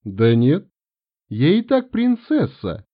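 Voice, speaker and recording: A man's voice: fairly high pitch, lively intonation, slow, no room sound, voice pushed up. A man voicing proud elf princess Leila. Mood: teasing. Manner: raised, lighter girlish tone. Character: young female elf princess, proud and spirited. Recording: tinny phone-like sound.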